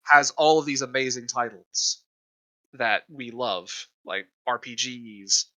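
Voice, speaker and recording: A man's voice: medium pitch, slow, sharp tone, low-quality recording. A man co-hosting a casual podcast, giving opinions in a wry, argumentative way. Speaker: podcast co-host.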